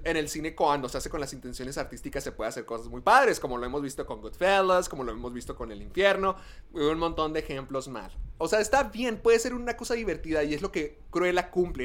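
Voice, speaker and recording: A woman with a Mexican accent, co-hosting a casual film review podcast, talking in an animated, opinionated way with quick restarts. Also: fairly low pitch. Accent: Mexican Spanish. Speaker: podcast co-host.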